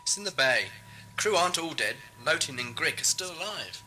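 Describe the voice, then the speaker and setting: A man's voice: a little high, expressive, a little fast, sharp tone, rough recording. A man playing an inquisitive, moralising time-travelling adventurer in a science fiction audio drama, with a wry, questioning, theatrical delivery. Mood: brisk, puzzled. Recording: faint hum and noise, amateur tape.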